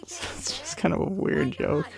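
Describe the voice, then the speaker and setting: Faint music from the episode plays under this young series creator as he hosts a relaxed, joking commentary. He speaks unhurriedly in a fairly high, gravelly voice that rises and falls dramatically.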